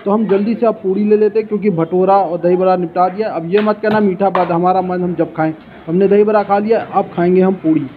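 Guy vlogging food, fairly high voice, tinny phone-line sound. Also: steady tone, brisk, a little hiss or hum. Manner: chatty, guiding the viewer along. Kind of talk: casual walking food-vlog narration. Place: outdoor street and busy food shop. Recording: tinny phone-like street recording.

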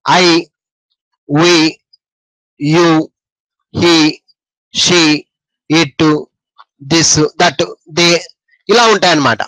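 High, bright-voiced teacher with a Telugu accent. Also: male voice, steady tone, dry recording, poor audio. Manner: explains slowly, repeats words and quizzes the listeners. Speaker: spoken English teacher. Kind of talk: classroom grammar lesson.

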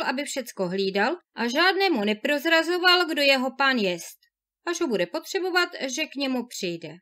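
A woman narrating a classic fairy tale aloud in a measured, expressive storytelling manner. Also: on the high side. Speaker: audiobook reader.

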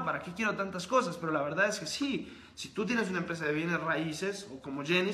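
A man's voice: high-pitched, sharp tone. A man hosting a live stream, giving an emphatic motivational talk and answering viewer comments in long repeated lists. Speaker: host of a live stream on sales and reading. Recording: echoey room.

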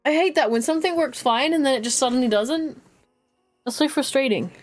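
A chatty woman with a fairly high voice talks to her viewers while she plays, close to her mic. She giggles a lot and keeps the talk loose and casual. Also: fairly quick, soft background music. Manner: giggly, chatty, often laughing. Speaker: streamer. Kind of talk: casual live-stream chat while gaming.

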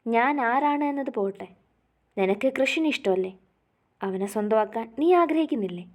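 A woman's voice: on the high side, expressive, moderate pace, close to an everyday voice. A woman voicing a mysterious, scheming masked man in a storybook reading. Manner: persuasive, conspiratorial. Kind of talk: storybook narration.

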